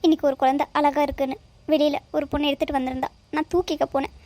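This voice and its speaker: A woman voicing a gentle young wife in a cartoon, telling her husband softly how she was hurt. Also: sits high, level tone, racing, dry recording, natural voice. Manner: soft, plaintive complaining.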